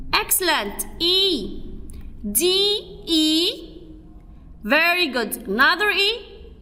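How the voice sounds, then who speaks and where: Slow sing-song woman teaching kids. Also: sits high, sharp tone, in a large hall. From Egypt. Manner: slow, drawn-out, sing-song words and letter spelling. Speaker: kindergarten English teacher. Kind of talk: spelling drill lesson for young kids.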